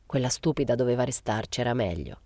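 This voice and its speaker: A woman's voice: low-pitched, very animated, a little fast, very noisy. A woman reading the part of a flighty, chattering young woman who brushes things off. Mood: chatty. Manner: chattering, dismissive.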